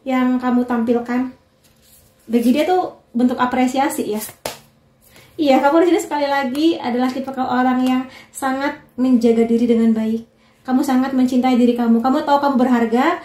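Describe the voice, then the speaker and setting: A woman with a high voice gives a relaxed tarot reading and talks straight to the listener in a chatty, reassuring way. Her voice rings a little in an echoey room. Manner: chatty and reassuring, addresses the viewer directly. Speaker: tarot reader. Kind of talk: casual tarot reading to viewers.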